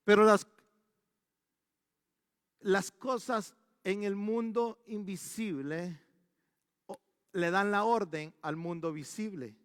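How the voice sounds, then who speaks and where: A male pastor preaches in a high voice, telling stories and often restarting sentences. His voice is dry up close, while a long church-hall reverb trails behind each phrase. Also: slow pace, long pauses, clean tone. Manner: animated storytelling with frequent restarts. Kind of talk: storytelling sermon.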